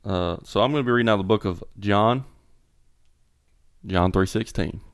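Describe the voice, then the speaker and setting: A man's voice: lowish voice, normal speed, clean tone, dry recording, clean studio sound. A young man co-hosting a casual podcast, joking and upbeat as he chats with friends and reads a verse aloud. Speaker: podcast co-host.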